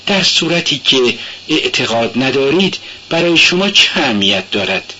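A man voicing a timid, devout, poor young woman who answers softly and hesitantly, as a character in an audiobook. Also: mid-range voice, very animated, slight background noise, pitched above the performer's own voice. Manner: soft, hesitant, halting replies. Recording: dull lo-fi recording.

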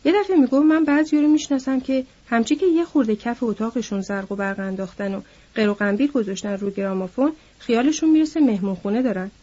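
A woman voicing a chatty young male ranch hand who gossips loudly and eagerly, in a storybook reading. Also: a little high, slightly rough. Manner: loud, lively gossiping. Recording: dull lo-fi audiobook recording.

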